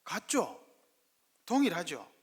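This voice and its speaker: A man's voice: high-pitched, wildly swooping pitch, slow pace, breathy edge. A male pastor with a Gyeongsang Korean accent preaching a sermon, pressing the congregation with rhetorical questions and acting out biblical speakers. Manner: acts out biblical speakers in dramatic voices. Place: church sanctuary. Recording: echoey church hall.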